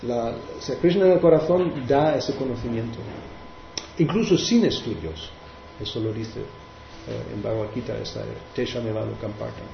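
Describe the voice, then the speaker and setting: A man's voice: medium pitch, moderate pace, vocal fry, noisy background. Male spiritual teacher, hesitant explainer, roomy dull recording. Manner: hesitant, many restarts, explaining verses. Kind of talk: devotional class with questions.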